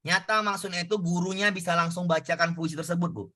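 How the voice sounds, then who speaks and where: A male tutor works through exam questions in a casual, back-and-forth way and keeps asking his students for answers. His voice sits high for a man. It sounds very bright and sharp. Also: fairly even intonation, quick pace. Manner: conversational, asks students questions. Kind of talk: exam prep lesson.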